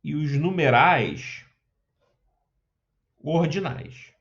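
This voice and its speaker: A man's voice: a little high, very slow, a bit bright, dull audio. A man teaching Portuguese grammar for an exam, explaining step by step and often checking in with short questions. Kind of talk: exam prep lesson walking through questions.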